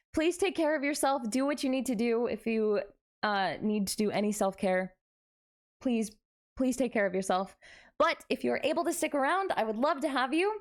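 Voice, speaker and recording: A woman hosting a casual livestream, chatting playfully back and forth with her viewers. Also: on the high side. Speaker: variety streamer, VTuber host.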